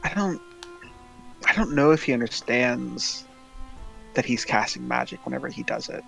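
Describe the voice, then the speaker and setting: A man speaking in character in a tabletop game, hesitant and halting with many pauses and fillers. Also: medium pitch, gravelly, fairly bright tone, soft background music, low-quality recording. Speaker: player. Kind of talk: in-character tabletop role-play.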